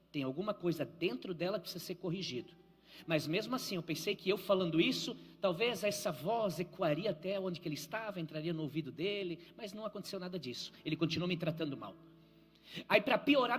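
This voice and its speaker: Husky-voiced Brazilian pastor preaching. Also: male voice, high voice, fairly bright tone. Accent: Brazilian Portuguese. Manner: emphatic, humorous, repeats for emphasis. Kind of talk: live sermon with storytelling. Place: church. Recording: long church hall reverb.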